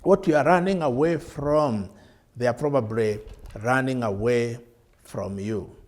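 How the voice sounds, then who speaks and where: This televised sermon comes from a middle-aged Kenyan bishop teaching at a studio desk. He relies on earnest rhetorical questions and drawn-out emphasis, speaking at medium pitch with a darkish tone.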